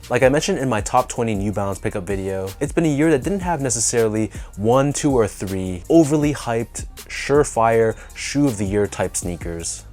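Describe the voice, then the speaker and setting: A Canadian man hosting a sneaker review video, sounding nasal from a sinus infection, talking in a relaxed, enthusiastic way with drawn-out emphasis. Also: medium pitch. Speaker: sneaker channel host. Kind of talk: casual review talk to camera.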